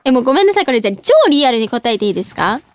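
A young woman hosting a casual radio talk show, reading listener mail with a bubbly, giggly, animated manner. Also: on the high side, racing. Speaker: idol radio host.

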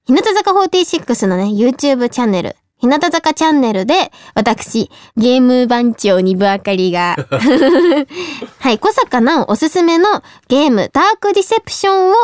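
A young woman chats as a radio host, fast and excitable. Her voice sits a little high. The studio sound is close and dry. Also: no echo. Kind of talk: casual radio chat. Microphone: studio microphone.

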